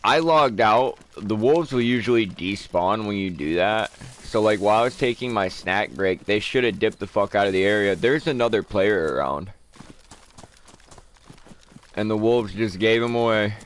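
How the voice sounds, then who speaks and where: Chill dude streaming a survival game, lowish smooth voice, swears a lot, mutters to himself sometimes. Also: male voice, moderate pace. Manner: laid-back, swears freely, says dude and man. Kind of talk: casual live-stream commentary.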